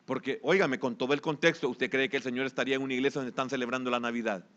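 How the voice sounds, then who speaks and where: A man with a Salvadoran Spanish accent preaching a sermon as pastor, moving between hushed asides and loud rising exhortation. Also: medium pitch, steady tone, racing, muffled recording.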